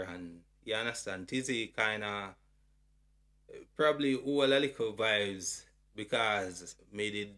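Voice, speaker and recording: A man's voice: on the low side, fairly bright tone. A Jamaican man hosting a channel, talking in a laid-back, casual way and checking in with "you see it?". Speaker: channel host. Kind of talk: casual introduction.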